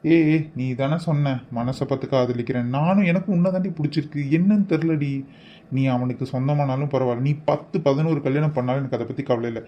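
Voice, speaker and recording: A man's voice: medium pitch, quick pace, highs cut off, close to an everyday voice. A man voicing an obsessive, lovesick young man in a cartoon, talking in an insistent, pleading way. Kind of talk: cartoon voice acting.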